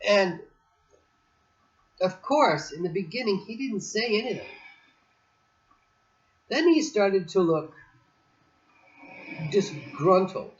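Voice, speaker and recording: A man talks slowly and unhurriedly in a relaxed chat outdoors on a beach, and his pitch swings widely as he wanders off on tangents and restarts his sentences. The recording sounds dull and lo-fi. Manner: rambling, digressive storytelling with many restarts. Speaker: host. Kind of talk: casual chat.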